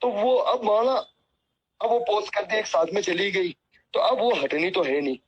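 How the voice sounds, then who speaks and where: On a muffled, lo-fi phone recording, a man of the cloth takes a call and earnestly, humbly apologizes, asking at length for patience. His voice is high and moves at a moderate pace.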